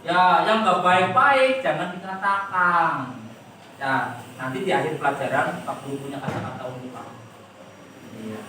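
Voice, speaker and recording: A woman's voice: lowish voice, fairly bright tone, slight background noise. A woman teacher giving a classroom lesson, quizzing and coaxing her pupils with repeated questions. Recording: echoey classroom from far off.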